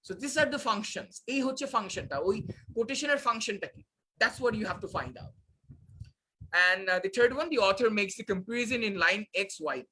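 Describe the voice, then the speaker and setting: A man's voice: high voice, slow pace, pushed and bright, husky, low-quality recording. A young man teaching a live online class, switching between Bangla and English with frequent filler sounds.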